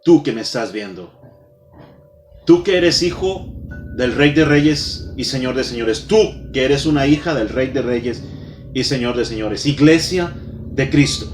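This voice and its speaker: A man preaching a sermon as pastor, speaking straight to the congregation, slowing down and pausing for emphasis. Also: medium pitch. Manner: dramatic pauses, slows for emphasis, addresses the congregation directly. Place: church. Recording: echoey room with soft music behind.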